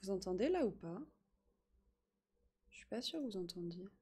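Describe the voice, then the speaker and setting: A woman streaming live, chatting excitedly with her viewers while fixing her setup. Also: mid-range voice, normal speed, noisy background. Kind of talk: live gaming stream chat.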